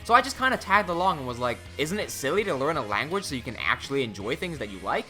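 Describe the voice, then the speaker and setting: A young language-learning YouTuber, whose first languages are English and Cantonese, talks candidly and mocks himself in a casual vlog recorded in a small room. His medium-pitched voice is sing-song with a sharp tone, he speaks fast, and soft music plays underneath.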